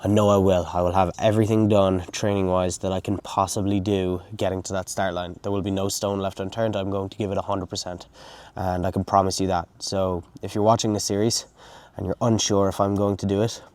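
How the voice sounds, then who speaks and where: A man's voice: deep voice, flat delivery, brisk, darkish tone, dry recording. An Irish man talking casually and earnestly to camera as a running vlogger. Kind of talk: casual vlog talk to camera.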